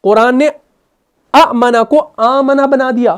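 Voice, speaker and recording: A male teacher explains recitation rules at a measured pace. He keeps asking rhetorical questions and answers them himself, and he slows right down to repeat sounds for his students. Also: extremely high pitch, fairly even intonation, clean tone. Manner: drills sounds by slow repetition. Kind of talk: explanatory tajweed lesson.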